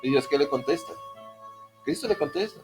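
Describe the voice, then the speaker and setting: Joking, slightly high-voiced male pastor. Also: expressive, a little fast, over music. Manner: informal and joking, talks straight to listeners with questions. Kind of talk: conversational sermon on prayer.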